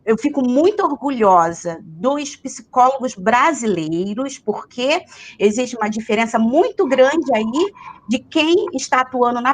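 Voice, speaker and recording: Woman hosting a live chat over a video call. Her voice is a bit high, and she hesitates a lot with tag questions. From Rio de Janeiro, Brazil. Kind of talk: casual live-stream chat.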